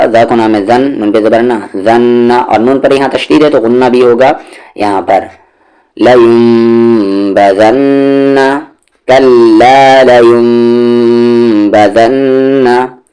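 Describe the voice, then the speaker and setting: A man's voice: medium pitch, a little mellow. A man teaching Quran recitation in a lesson, spelling out syllables one at a time and then drawing out the joined word.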